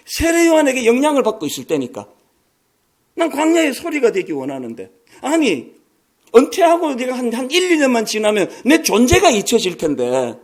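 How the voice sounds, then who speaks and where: Animated high-voiced pastor in his sixties. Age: 60s. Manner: animated, storytelling with humorous asides. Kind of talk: sermon.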